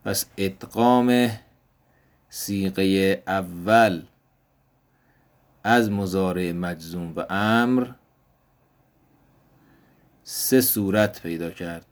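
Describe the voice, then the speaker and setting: A man teaching an Arabic grammar lesson, explaining step by step and repeating each example word slowly. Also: sits low. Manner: slow, deliberate explanation, repeating example words.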